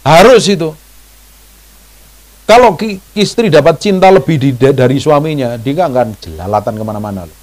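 A man preaching a sermon. His delivery is animated and conversational, full of questions to the congregation. He often jumps into high, mocking voices when he quotes people. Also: moderate pace. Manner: chatty, asks the congregation questions. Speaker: pastor.

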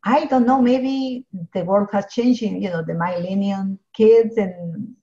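This guest, a middle-aged Ecuadorian woman who works as a pharmacist, has a dark-toned, medium-pitched voice and speaks a little slowly. She's earnest on the video call, restarting often and using lots of fillers, from a bookshelf-lined home office. The call audio sounds dull and lo-fi.

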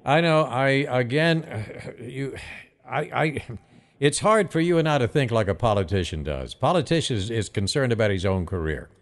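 A man hosting a radio phone-in, talking in a halting, reflective and sympathetic way. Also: medium pitch, lively intonation. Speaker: radio talk show host. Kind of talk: live phone-in conversation.

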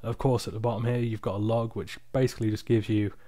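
A tired man giving a casual, unscripted screen-recording tutorial, explaining software steps in an informal, off-the-cuff way. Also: on the low side, level tone, fast, no echo. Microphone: external microphone, close and dry.

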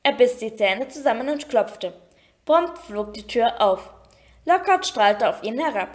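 A woman reading a storybook aloud in an expressive way. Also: a little high, measured pace. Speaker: audiobook reader.

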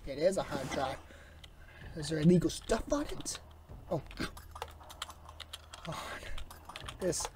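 Raspy, sick gamer muttering through play. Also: mid-range voice, fairly bright tone, slight background noise. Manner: mutters and grumbles to self, chatty asides. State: sick with a sore throat, coughing. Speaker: gaming YouTuber. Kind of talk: casual gameplay commentary.

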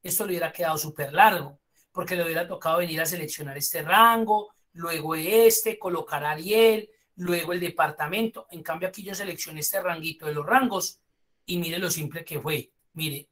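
A woman's voice: on the low side, moderate pace, fairly bright tone. A woman teaching a spreadsheet course online, explaining step by step and praising her students.

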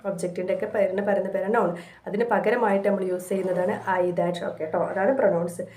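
A woman's voice: medium pitch, fairly even intonation, a little mellow. Malayali woman tutor explaining a lesson, echoey room. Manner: conversational, with frequent fillers and pauses to find words. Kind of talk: explaining a university course lesson.

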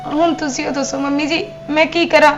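An actress playing a crying young wife. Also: female voice, sits high, flat delivery, a little fast, lo-fi sound, close to an everyday voice. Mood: tearful. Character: tearful young wife left alone. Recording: music behind.

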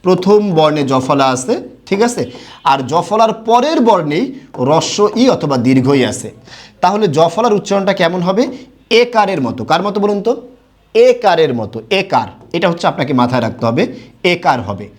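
A man's voice: sits high, sing-song, moderate pace. A young man teaching a Bengali grammar lesson, asking questions and answering them himself. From Bangladesh. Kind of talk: recorded classroom lesson.

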